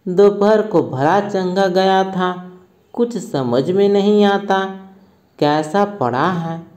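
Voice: medium pitch, slow, a little mellow, close to an everyday voice. A reader voicing an anxious mother who coaxes and fusses over her sick son, in a school play read aloud. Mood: worried. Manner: coaxing and anxious. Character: worried, fussing mother of a sick boy.

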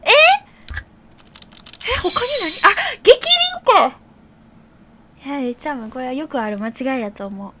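A woman game streamer with a Kansai accent, thinking aloud through a quiz in casual commentary and bursting into loud reactions. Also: on the high side, moderate pace, long pauses.

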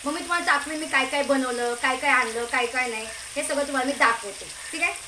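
Home cook host, Marathi-accented woman, high voice, echoey kitchen, sizzling pan behind. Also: quick pace. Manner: chatty, keeps asking "okay?" and telling viewers to look. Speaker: home cooking channel host. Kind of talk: casual cooking demonstration. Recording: echoey kitchen with cooking noise. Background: sizzling pan and clattering pots.

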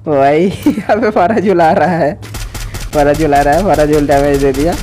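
A man, a gaming YouTuber, giving excited, crude-slang commentary as he cheers on his teammates during a match. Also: fairly high pitch, a little slow. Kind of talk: excited live gameplay commentary.

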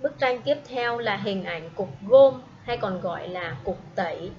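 Slow patient teacher, woman. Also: medium pitch, expressive, a little mellow. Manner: patient, speaks slowly and repeats each word for pupils. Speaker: primary school English teacher. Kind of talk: slow classroom instruction with repeat-after-me drills. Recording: dull lo-fi audio with faint noise.

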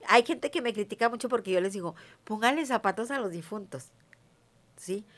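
Expressive and a bit bright, her mid-range voice moves at a normal speed as this middle-aged Mexican interviewee talks in a chatty, emphatic manner. She identifies as a witch and frequently asks "¿sí me entiendes?" in the casual exchange.

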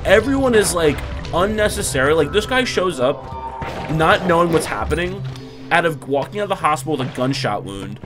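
Young man, podcast co-host, casual chat, excitable, rambling, swears a lot, faint background music. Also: fairly high pitch, fairly quick.

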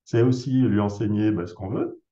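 A man, a psychiatrist being interviewed, explains a clinical technique through worked examples in a relaxed, conversational way with frequent hesitations. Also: on the low side, normal speed. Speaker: psychiatrist guest. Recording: roomy, dull lo-fi sound.

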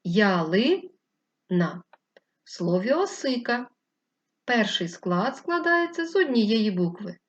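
A woman teacher giving a slow, clear first-grade lesson, patiently spelling words out syllable by syllable. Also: fairly high pitch, sing-song. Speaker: primary school teacher. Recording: slightly dull lo-fi recording.

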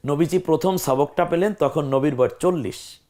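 A man with a slightly high, warm voice teaches a Quran pronunciation lesson. He explains each letter sound, demonstrates it slowly, and repeats drills.

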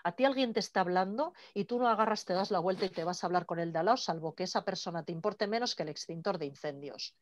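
A woman leading an online workshop in a lively, conversational way. She acts out quoted dialogue as she talks. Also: lowish voice, quick pace, few pauses. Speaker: workshop trainer. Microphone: video call.

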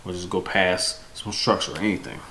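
Speaking fairly quickly in a low, pushed, bright voice, this man in his thirties talks to the camera from a windowed room at home. He gives off-the-cuff fishing-vlog advice on a product, fixing his own slips as he goes. The reverberant sound comes from a noisy home camera.

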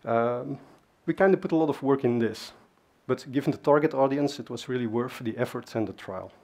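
Speaking briskly in a mid-range, slightly mellow voice, a man gives a casual technical talk at a conference on a large dark stage. Dutch is his first language, and his delivery is conversational, with many fillers and asides.

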